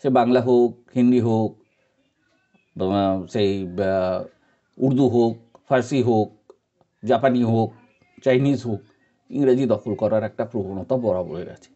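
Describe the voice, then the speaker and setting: A man from India, giving an informal spoken lesson in a patient, encouraging way, with many pauses and fillers. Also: on the low side, dark tone. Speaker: teacher giving advice. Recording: dull lo-fi recording.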